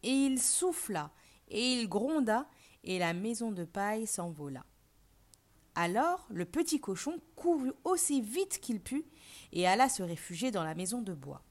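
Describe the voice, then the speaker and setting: A woman teacher reading a fairy tale aloud for learners, then asking questions and reading a vocabulary list. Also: mid-range voice. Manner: clear, deliberate, expressive reading. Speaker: French teacher. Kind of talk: slow storybook narration and vocabulary lesson.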